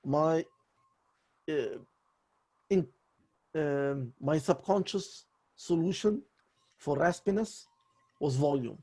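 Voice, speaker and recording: A voice student talks through a lesson in a halting, apologetic manner, restarting his sentences again and again. His raspy voice is dark and gravelly with a husky edge, pitched a little higher than most men's.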